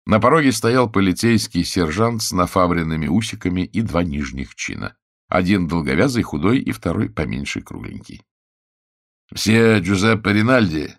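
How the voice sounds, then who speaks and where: A man reading a story aloud as narrator, expressive and theatrical. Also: low-pitched, no room sound, studio quality. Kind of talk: audiobook reading.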